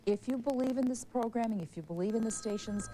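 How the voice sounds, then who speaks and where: A woman's voice: fairly high pitch, fast talker, warm tone, a little hiss or hum. A woman hosting a public television pledge drive, speaking persuasively and earnestly with repeated, building phrases.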